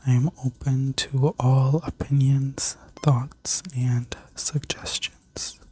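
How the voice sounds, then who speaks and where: Casting: woman for whispered ASMR sleep-story narration and guided healing meditation; breathy, soft and dark in tone, even and soothing. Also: rumbling low. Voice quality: breathy, mostly unvoiced whisper. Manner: soothing, slow, gently instructing. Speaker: ASMR reiki healer and video host.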